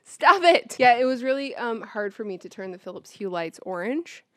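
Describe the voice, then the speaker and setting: A woman co-hosting a podcast in casual chat, excitable, laughing often and swearing freely. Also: medium pitch, fairly quick, no echo, studio quality. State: sweating in a costume. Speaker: podcast co-host.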